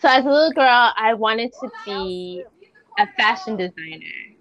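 Higher-voiced woman hosting a casual podcast. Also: a little slow, a bit bright. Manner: informal, slangy, profane. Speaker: podcast host. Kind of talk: casual chat. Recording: slightly dull lo-fi audio.

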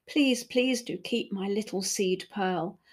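Woman voicing a giant river clam, storybook, plaintive, high, slow. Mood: relieved.

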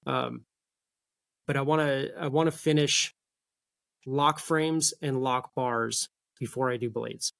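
A man with a medium-pitched voice, recorded dry and close. He chats casually as a machinist, thinking aloud through the order of his work. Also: steady tone, takes it slowly, creaky, long pauses, fairly bright tone, dry recording. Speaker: machinist making folding knives. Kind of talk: casual shop talk.

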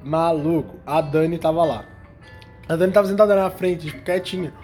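A young adult, telling a school story in a casual, slangy, animated way. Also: mid-range voice, a little fast, soft background music. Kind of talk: casual chat.

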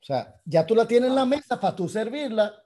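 A man's voice: very high-pitched, lively intonation, brisk, warm tone. A man in a casual group chat, stammering and repeating words as he complains. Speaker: panelist.

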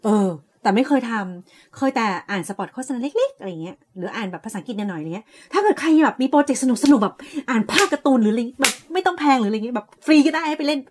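A woman co-hosting a casual late-night live podcast chat, playful and teasing, quick to joke. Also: fairly high pitch, very animated, background noise. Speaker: podcast co-host.

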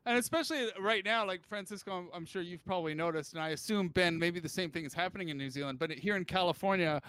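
A man's voice: high-pitched, fast, fairly bright tone, smooth. A man co-hosting a podcast, chatting casually and dropping in short agreeing replies. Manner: conversational, brief agreeing interjections. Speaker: podcast co-host.

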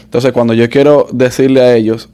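A man with a Dominican Spanish accent, hosting a casual podcast chat, relaxed and playful. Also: medium pitch, a little fast, smooth. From Dominican Republic. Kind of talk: casual conversation.

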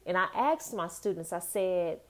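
A woman with a fairly low voice speaks straight to the camera in a casual vlog. She teaches dance and works through her frustrations out loud. She uses "like" constantly and asks one rhetorical question after another. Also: animated, moderate pace. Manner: reflective, peppered with "like" and rhetorical questions.

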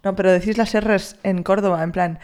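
A woman's voice: medium pitch, steady tone, fairly quick, darkish tone, clear, resonant tone. A woman from Spain with a Spanish accent, chatting casually from home in a playful, teasing way. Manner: playful, teasing, laughs often. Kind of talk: casual chat. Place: home during lockdown.

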